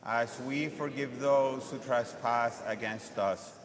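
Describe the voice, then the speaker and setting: A man speaking as a priest, reciting solemn liturgical prayers in a measured, reverent way with a long cathedral-like echo. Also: medium pitch, fairly even intonation, crowd noise. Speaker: priest celebrating Mass. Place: large reverberant church during Mass. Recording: long echo of a large church.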